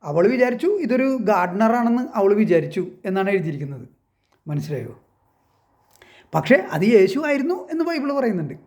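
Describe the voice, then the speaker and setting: Man, high-pitched, casual monologue to viewers, storytelling, rhetorical questions, keeps checking if you follow. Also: sing-song, normal speed, darkish tone. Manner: rhetorical, keeps asking if listeners understand; storytelling, poses and answers his own questions. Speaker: online commentator.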